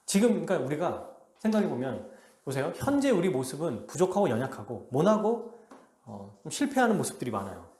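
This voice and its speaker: A male pastor preaching a sermon with animated delivery, acting out the quotes he reads. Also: a little high, a little fast, roomy sound. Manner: animated, acts out quotes in a lively voice. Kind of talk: expository sermon. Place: church sanctuary.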